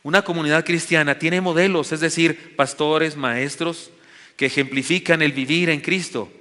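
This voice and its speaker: A man's voice: a little high, steady tone, moderate pace, bright, forceful tone. A man with a Mexican Spanish accent preaching a sermon as pastor, telling a story earnestly and building to emphatic exhortation. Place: church sanctuary with long reverb. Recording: church hall reverb.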